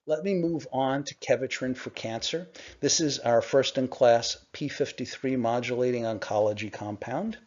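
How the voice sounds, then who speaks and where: Middle-aged male executive, mid pitch, measured delivery with filler pauses, muffled conference call line. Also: darkish tone. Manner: measured, explanatory, with frequent "uh" pauses. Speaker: company executive presenting to investors. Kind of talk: scripted investor presentation. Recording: dull lo-fi conference call audio.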